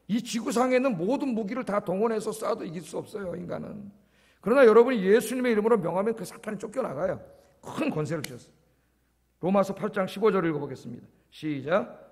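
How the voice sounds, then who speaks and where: A man's voice: sits high, a little mellow, long reverb tail. A male pastor preaching a sermon in a church, asking the congregation questions, answering them himself and repeating key words for emphasis. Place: church sanctuary.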